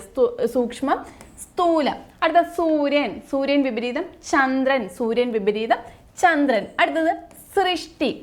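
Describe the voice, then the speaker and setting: Woman, Malayali accent, fairly high voice; exam-coaching teacher, methodical and repetitive. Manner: repeats each answer, lifts pitch to announce each new word. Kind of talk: exam-prep grammar lesson.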